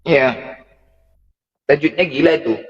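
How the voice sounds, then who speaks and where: High-voiced man telling a story, lo-fi. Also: a little slow, soft background music. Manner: animated, colloquial, chuckles often. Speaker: preacher. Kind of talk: casual storytelling talk.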